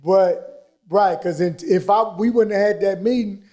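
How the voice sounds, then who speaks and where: High-voiced man chatting casually. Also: measured pace, warm tone. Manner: slangy, conversational. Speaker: podcast panelist. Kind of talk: casual chat, personal anecdotes.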